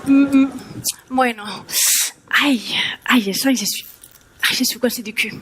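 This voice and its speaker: A woman's voice: high-pitched, lively intonation, normal speed, loud music behind the voice. A young woman comedian on stage, voicing a bubbly Spanish woman who teaches a language class in French with a Spanish accent, playful and teasing the audience. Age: young adult. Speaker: stand-up comedian. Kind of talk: stand-up character act. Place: theatre stage before a live audience.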